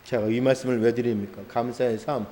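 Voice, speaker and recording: Korean pastor guy preaching, goes loud then drops quiet, big echoey church sound. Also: steady tone, a little fast, slight background noise. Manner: rhetorical questions, answers them himself; swings between loud emphatic and quiet low lines. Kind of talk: sermon. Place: church sanctuary. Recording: church hall reverb.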